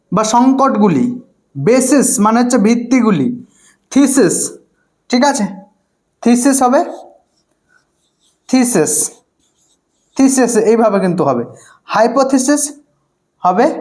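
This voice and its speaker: A male English teacher with a Bengali accent gives an online exam-prep lecture, repeating words and asking rhetorical questions that he answers himself. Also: very high-pitched. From West Bengal, India. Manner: repeats words and often says "okay".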